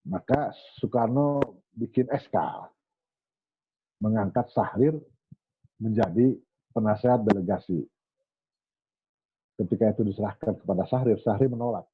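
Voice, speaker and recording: Husky man telling history, tinny sound. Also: fairly low pitch, moderate pace, long pauses, no room sound. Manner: relaxed anecdotal telling, acts out quoted remarks. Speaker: speaker on history. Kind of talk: storytelling history talk. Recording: tinny phone-like recording.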